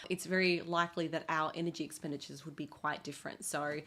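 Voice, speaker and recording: A woman's voice: low-pitched, fairly even intonation, fast talker, pushed and bright. A woman in her thirties, a fitness coach who moved to the States, chatting casually to camera with lots of fillers and frequent laughs. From outside the United States. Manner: chatty, laughs often, many fillers like "like" and "you know". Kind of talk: casual talking-to-camera check-in.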